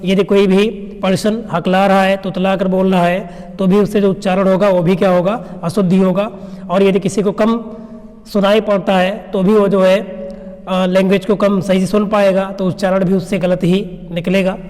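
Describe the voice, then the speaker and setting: High-voiced male teacher in a reverberant room. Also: level tone, normal speed, darkish tone. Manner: explains step by step, asks rhetorical questions and answers them; checks in with "है ना" and "ठीक है ना". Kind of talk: exam-prep lecture.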